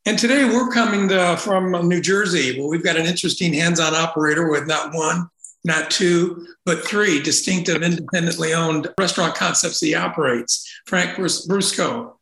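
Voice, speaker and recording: Bright-voiced male podcast host, roomy sound. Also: fairly high pitch, normal speed, creaky. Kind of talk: podcast interview hosting. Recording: roomy echo.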